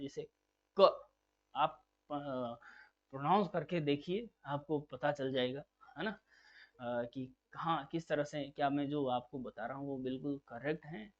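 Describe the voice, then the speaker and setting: A man with a slightly high voice gives a lecture on phonetics for exam preparation. He explains step by step and drills each key term by asking it back and answering it. The recording is muffled and lo-fi. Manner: patient, repeats key terms as questions to drill them. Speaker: phonetics teacher. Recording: dull lo-fi recording.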